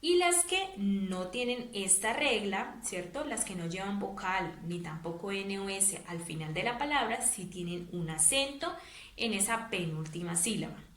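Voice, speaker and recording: A woman's voice: mid-range voice, lively intonation, unhurried, a bit bright. A woman teacher giving a patient grammar lesson for young pupils, often checking in with short tag questions. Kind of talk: classroom grammar explanation. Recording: echoey room.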